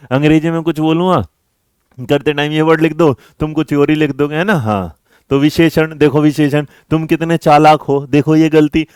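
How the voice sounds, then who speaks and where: A man's voice: fairly high pitch, smooth, no echo, clean studio sound. A young man giving an online exam-prep lecture in a chatty, teasing way, calling his students his children and scolding them playfully.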